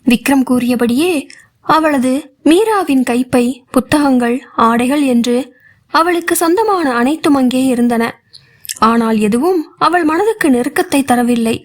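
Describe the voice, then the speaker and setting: A woman narrating a novel for an audiobook with a steady storytelling delivery. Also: sits high, unhurried.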